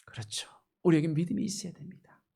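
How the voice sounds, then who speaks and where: High-voiced, gravelly male preacher. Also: fast talker. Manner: impassioned, swinging from loud exclamations to near-whispers; rhetorical questions with interjected "eh?". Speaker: pastor. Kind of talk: sermon.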